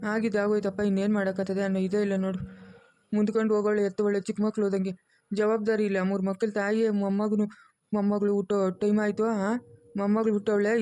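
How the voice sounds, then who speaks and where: A man's voice: high voice, warm tone, no echo. An older man with a rural Chikkaballapur Kannada accent, playing a worried grandfather who soothes his family. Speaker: grandfather in a village family drama. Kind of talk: village web-series acting.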